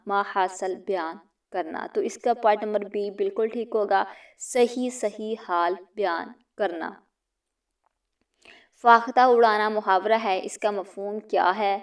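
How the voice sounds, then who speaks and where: A woman's voice: medium pitch, far from the mic. A woman teacher reading multiple-choice questions for exam prep, each followed by its answer. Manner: reads each question and options, then states the answer.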